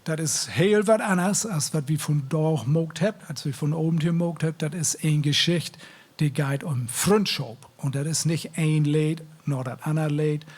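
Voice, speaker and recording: At a live concert, a singer with a North German accent chats folksily with the audience between songs. His voice is on the high side and his pace measured, and the live sound includes music in the background.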